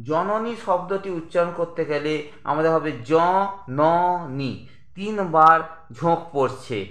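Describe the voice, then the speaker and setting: A man teaching a grammar lesson, explaining slowly and deliberately, breaking example words into syllables and addressing his viewers as friends. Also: a little high, sharp tone, roomy sound.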